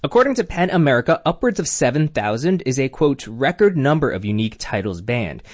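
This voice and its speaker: A man's voice: mid-range voice, very animated, a little fast, dry recording. Male correspondent, dry close read. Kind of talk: news report.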